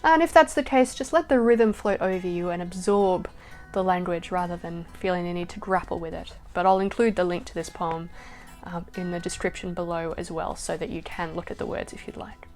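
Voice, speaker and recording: A woman reading poems aloud slowly and softly, her voice trailing off at the ends of lines. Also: lowish voice, fairly even intonation. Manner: slow, soft reading that trails off at line ends. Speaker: poetry reader. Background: soft acoustic guitar music.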